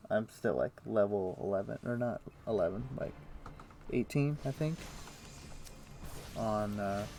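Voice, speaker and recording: A man plays a game on stream from home using a headset, talking in a relaxed way and musing aloud with lots of fillers like um and uh. His voice is lowish and unhurried with vocal fry, and there's slight background noise.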